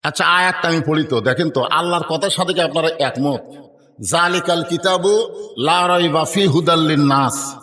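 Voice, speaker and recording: A man's voice: on the high side, moderate pace, sharp tone, long reverb tail. A man from Bangladesh, telling stories in a sermon and calling on the crowd to answer aloud. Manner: storytelling preacher who keeps calling on the crowd to answer aloud. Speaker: preacher. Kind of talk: sermon at an open-air religious gathering.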